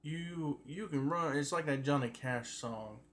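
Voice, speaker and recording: A man with a fairly high, slightly bright voice talks at a measured pace, chatting folksily and rambling colloquially to his viewers as a livestream host. He speaks into a phone, and the noisy recording picks up background ambience.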